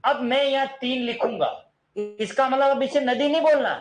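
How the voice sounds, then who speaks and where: A man's voice: very high voice, normal speed, low-quality recording. A man teaching a grammar lesson, asking his class questions, answering them himself, and singing snatches of songs as examples. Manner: sings snatches of songs to show long vowels.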